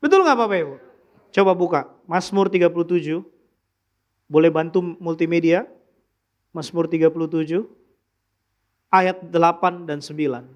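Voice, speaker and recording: A man preaching a sermon in church as pastor, telling humorous stories with sudden loud outbursts and quiet asides. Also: a little high, steady tone, moderate pace, pauses often, lo-fi sound. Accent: Indonesian.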